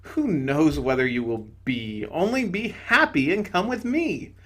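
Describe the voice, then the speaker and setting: A man voicing a radiant, serene male spirit who speaks with gentle, patient calm, in a storybook reading. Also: fairly high pitch, measured pace.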